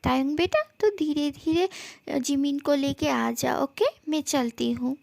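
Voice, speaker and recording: A woman's voice: high-pitched, a little slow, vocal fry, noisy background. A woman reading a fan love story aloud, giving every character's lines in much the same voice.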